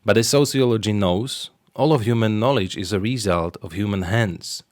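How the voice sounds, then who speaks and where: Speaking English with a Slovak accent, his native language being Slovak, a man who works as a sociologist and marketer reads a scripted explainer introducing his channel. The delivery is careful and measured, his voice on the low side. The close, dry recording has no echo or room sound.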